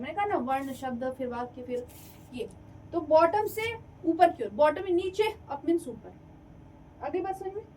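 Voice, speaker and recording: A woman teacher giving an exam-prep lecture, lively, repeating points and often checking that the class follows. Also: high-pitched, distant mic, a little hiss or hum, rough recording.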